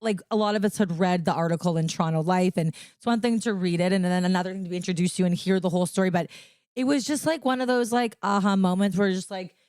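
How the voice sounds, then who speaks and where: A woman's voice: fairly low pitch, steady tone, fast talker, darkish tone, no echo, studio quality. A woman co-hosting a podcast, chatty and upbeat, full of "like". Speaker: podcast co-host. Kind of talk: casual chat.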